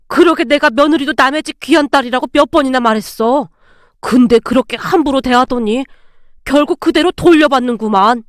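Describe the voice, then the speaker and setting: Brief: a woman playing a blunt, lowered-voice older man for a storybook drama, scolding, dry close sound. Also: brisk, no echo, close to an everyday voice. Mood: reproachful. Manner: blunt, reproachful. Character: gruff older man, scolding father-in-law.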